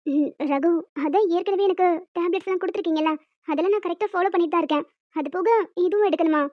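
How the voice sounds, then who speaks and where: A woman voicing an emotional young wife in a cartoon story, high and childlike, breaking into sobs. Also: fast, no echo. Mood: worried. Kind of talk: cartoon voice acting. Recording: dull lo-fi audio with faint music.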